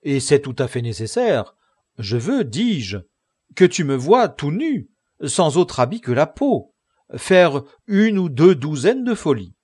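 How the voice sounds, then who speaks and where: A man's voice: on the high side, big pitch swings, slow pace, darkish tone, breathy edge, no room sound, studio quality, full character voice. A man voicing a grandiloquent Don Quixote. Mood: earnest. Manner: solemn, lofty and formal. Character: boastful lovesick middle-aged knight, grandiloquent. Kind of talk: audiobook character reading.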